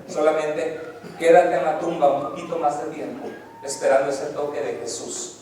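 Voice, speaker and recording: A man's voice: fairly high pitch, steady tone, moderate pace, darkish tone. A man pastor preaching a fervent Sunday sermon, building emphasis through repeated phrases, in a church sanctuary. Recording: echoey church hall, distant mic, faint noise.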